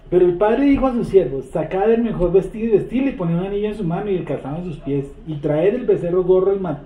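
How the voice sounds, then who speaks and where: Male Bible teacher, fairly high voice, echoey room, tinny phone-like sound; asks the group questions. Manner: asks the group questions, repeats verses slowly. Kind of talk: interactive Bible study teaching.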